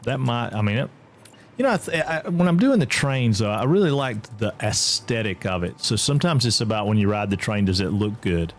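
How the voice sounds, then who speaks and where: A man's voice: fairly quick, slight background noise. A man from Georgia with a Southern accent, chatting casually while live-streaming a game and answering chat. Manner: chatty, drawling, reads chat aloud, jumps high when excited.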